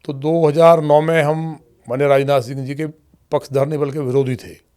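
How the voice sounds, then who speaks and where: Measured Hindi-speaking man, politician guest. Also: a little high, level tone, warm tone, clear, resonant tone. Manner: measured storytelling, formal honorifics for leaders. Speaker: politician guest, state legislator. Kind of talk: long-form podcast interview answers.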